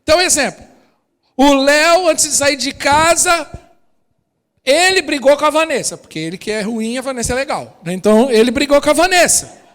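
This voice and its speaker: A Brazilian man preaching a sermon as pastor, talking straight to his congregation in a lively way. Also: extremely high pitch, moderate pace, in a large hall. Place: church hall.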